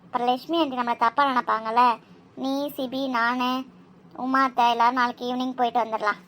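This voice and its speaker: Woman playing a no-nonsense cartoon mom, gently scolding, faint noise in the background. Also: fairly high pitch, level tone, a little fast, close to an everyday voice. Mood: insistent. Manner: matter-of-fact, scolding gently. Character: calm, practical middle-aged mother. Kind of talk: cartoon voice acting.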